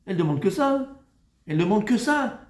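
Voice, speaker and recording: A rabbi with a high voice teaches an informal Talmud class to a live group. He is familiar and teasing, calls his listeners "Habibi", and swings from loud urging to soft, coaxing tones. The sound has the strong echo of a reverberant room. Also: big pitch swings, brisk, a little hiss or hum. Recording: echoey room.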